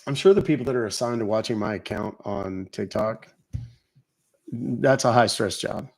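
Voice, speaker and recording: A man's voice: on the low side, normal speed, slight background noise. Brief: casual male streamer, talks straight to chat, loose and rambling. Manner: chatty, thanks viewers, rambling asides. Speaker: scam-baiting livestream host.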